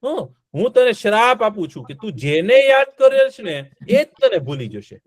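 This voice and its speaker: A man's voice: high-pitched, sing-song, moderate pace, no echo, studio quality. A man voicing a hot-tempered old male sage who scolds sternly, in a storytelling class. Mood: angry.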